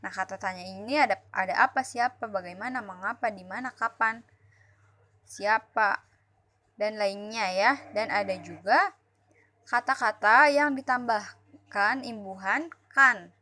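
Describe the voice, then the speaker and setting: A woman's voice: medium pitch, unhurried, bright, forceful tone. A woman teaching primary school pupils, explaining a textbook lesson patiently and repeating herself as she goes. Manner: patient, repeats and restarts words while explaining.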